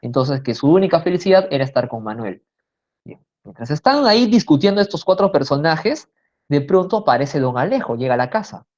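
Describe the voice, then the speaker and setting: A woman's voice: low voice, sing-song, fairly quick, a little mellow, dull audio. A woman telling a story in a casual, conversational way. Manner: conversational, with fillers and restarts.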